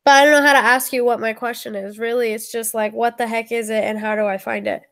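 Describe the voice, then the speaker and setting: A woman's voice: a little high, steady tone, fast, vocal fry, a bit bright. A woman in a casual study-group video call, talking candidly and self-deprecatingly.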